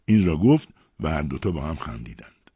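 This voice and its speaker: A man narrating a first-person story aloud with an expressive storytelling delivery. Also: a bass voice, slightly rough, no room sound. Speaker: audiobook narrator. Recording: dry, phone-like narrow sound.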